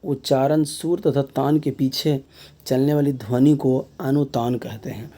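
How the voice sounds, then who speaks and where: A man's voice: mid-range voice, fairly even intonation, a little slow, dark tone. A man teaching an exam-prep grammar lesson, explaining step by step and repeating key terms back as questions. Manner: frequent filler tags mid-sentence.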